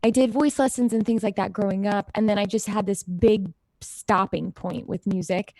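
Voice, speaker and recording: Appearing as an interview guest, a singer-songwriter from the United States, who grew up in Idaho and Utah, tells personal stories in a warm, casual conversation. She speaks at a normal speed in a steady, mid-range voice that's a little mellow, recorded without echo.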